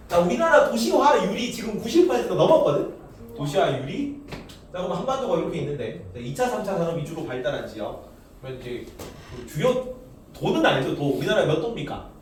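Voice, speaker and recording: A man teaching a class in a lively, teasing way, his pitch swinging up and down as he fires questions at the room. His voice sits a bit high for a man. The mic picks him up from a distance, and the classroom echoes heavily around him. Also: a little hiss or hum. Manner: lively, teasing, quizzes students aloud. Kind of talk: classroom lecture with student banter.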